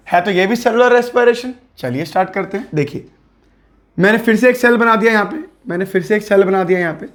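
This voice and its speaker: A young man with a high-pitched voice teaches biology for exam prep in a friendly, coaxing way. He repeats key terms and poses questions that he then answers himself.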